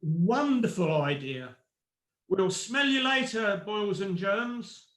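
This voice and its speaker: A man acts out a pompous ugly sister from a pantomime, pitched high and swinging widely. The delivery is grandiose and scornful, with slow relish, over a roomy, slightly noisy recording. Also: expressive, fairly bright tone, exaggerated voice. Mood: vain, grandiose. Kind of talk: broad pantomime acting. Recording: roomy echo, faint noise, clicks.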